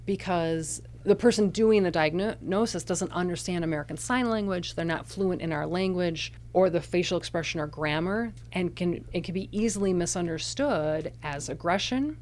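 A woman's voice: on the low side, normal speed, few pauses, a little mellow, a little hiss or hum. Woman as a live sign language interpreter. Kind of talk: live interpreter voice, voicing deaf speakers' signing aloud in first person.

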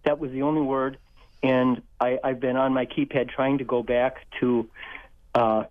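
A man calling a radio show on speakerphone, talking haltingly with many restarts. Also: mid-range voice, flat delivery, no room sound. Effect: on speakerphone over a phone line. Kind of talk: casual call-in question. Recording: tinny phone line.

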